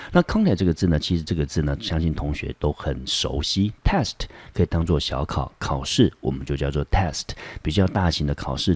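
Very deep-voiced male English teacher. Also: a little mellow, slightly rough, dry recording. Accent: Taiwanese Mandarin. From Taiwan. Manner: explains patiently, often starting with "好". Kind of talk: classroom vocabulary lesson.

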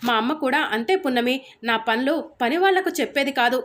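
A woman reading the lines of a gentle, fond lawyer in a story, speaking slowly and softly. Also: high voice, animated.

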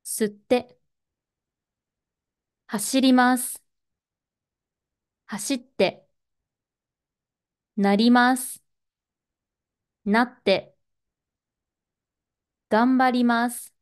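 Teacher woman, slightly high voice, very slow drill delivery, precise enunciation. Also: steady tone. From Japan. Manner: deliberate, carefully enunciated pronunciation. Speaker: Japanese teacher. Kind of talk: slow, clear verb drill for learners.

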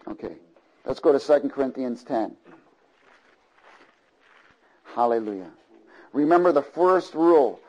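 At a medium pitch with lively intonation, a man preaches at a measured pace, leaving long pauses, his voice slightly mellow and the recording's highs cut off. Before a church congregation, he repeats phrases rhythmically and often calls for responses of agreement.

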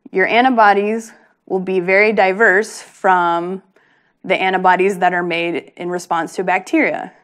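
A woman research scientist giving a patient, plain-spoken public lecture, with frequent ums. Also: mid-range voice.

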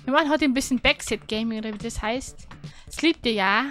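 Game music runs behind a woman whose slightly high voice moves a little fast. Co-hosting a gaming livestream, she keeps things chatty and informal, recapping the game between casual remarks.

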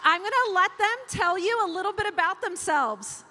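A woman's voice: extremely high pitch, lively intonation, normal speed, noisy background. A woman hosting an event and enthusiastically announcing award winners. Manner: upbeat, enthusiastic presenter. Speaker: event host.

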